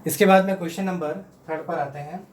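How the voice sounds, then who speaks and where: At home, a patient male teacher leads children through a math lesson, saying each number slowly and repeating it. His slightly high, steady voice reaches a distant mic across a roomy space, with a faint hum underneath.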